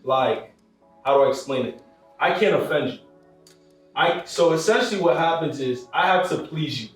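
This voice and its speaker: A man from Cameroon talking in a casual podcast chat, emphatic and animated. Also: on the high side, normal speed. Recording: echoey room, far from mic, faint music.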